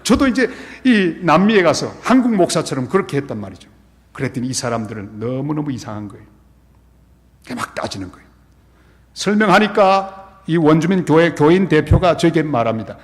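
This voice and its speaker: Animated Korean pastor in a reverberant church. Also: male voice, on the high side, fairly quick. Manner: animated, acts out scenes and quotes. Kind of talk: revival sermon with storytelling. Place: church sanctuary. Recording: long church-hall reverb.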